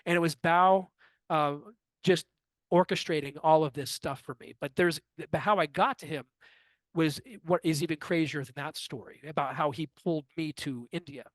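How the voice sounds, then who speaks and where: A man's voice: on the high side, moderate pace, no echo. A man in his fifties, a guest in an interview, telling a long personal story and acting out what others said. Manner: animated anecdotal storyteller who acts out quoted dialogue.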